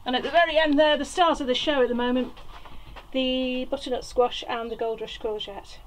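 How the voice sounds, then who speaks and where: A woman's voice: high voice, fairly even intonation, moderate pace, a little hiss or hum, low-quality recording. A woman, chatting casually as she pots plants in a small greenhouse, recorded by a camera on a tripod. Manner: chatty, thinks aloud while working. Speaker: allotment vlogger. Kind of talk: casual gardening vlog. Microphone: camera on a tripod nearby.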